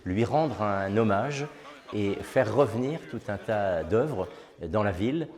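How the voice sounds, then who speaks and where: A man speaking as a town official in charge of culture, explaining an exhibition at a measured pace with frequent hesitations and restarts. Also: fairly low pitch, expressive, darkish tone. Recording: long reverb with faint music behind.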